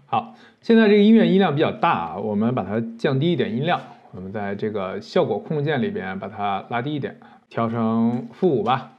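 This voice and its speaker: Lively man teaching video editing. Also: mid-range voice, fairly quick, muffled recording, background noise. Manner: patient, explanatory, with many fillers. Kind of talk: screen-recorded software tutorial.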